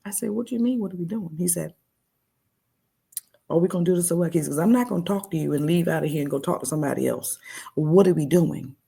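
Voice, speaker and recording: A middle-aged woman, a podcast guest, telling her testimony in an animated way and acting out the dialogue. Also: on the low side, quick pace, creaky, slightly rough. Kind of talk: storytelling testimony.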